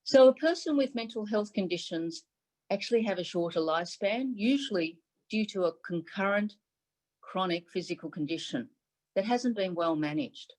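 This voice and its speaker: On a low-quality recording, a middle-aged Taiwanese woman whose first language is Mandarin Chinese addresses a symposium as chief medical advisor, calling in by webcam from a room at home. Her mid-range, darkish voice is expressive, though her prepared speech is formal and measured, in short phrases.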